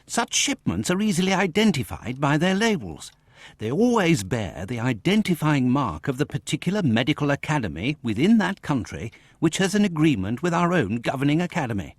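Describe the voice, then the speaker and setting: An actor playing an earnest, excitable English gentleman doctor in a video game, formal and expressive. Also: on the high side, brisk, no room sound. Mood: earnest explaining. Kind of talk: video game cutscene acting.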